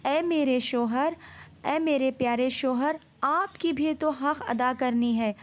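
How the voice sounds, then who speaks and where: A woman's voice: high voice, lightly acted. A woman voicing a dying young mother in a devotional story, speaking her lines tenderly and tearfully in her own voice.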